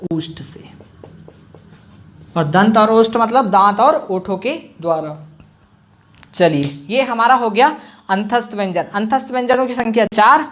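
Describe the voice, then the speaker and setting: A man teaching a Hindi grammar lesson online, who asks questions and answers them himself and repeats sounds slowly so students can copy them. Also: sits high, a bit bright. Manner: addresses viewers directly with frequent "theek hai". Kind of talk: online exam-prep lesson.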